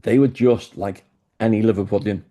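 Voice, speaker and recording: A man's voice: on the low side, steady tone, moderate pace, highs cut off. A man who is a guest in an interview, telling stories with enthusiasm. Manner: enthusiastic storyteller. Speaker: guest, music historian. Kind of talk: conversational interview.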